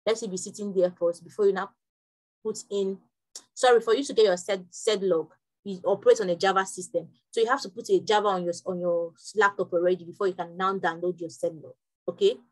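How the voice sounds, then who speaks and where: A young woman from Nigeria leading an online workshop class over a video call, talking quickly with frequent restarts. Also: mid-range voice, fairly even intonation, low-quality recording. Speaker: workshop instructor.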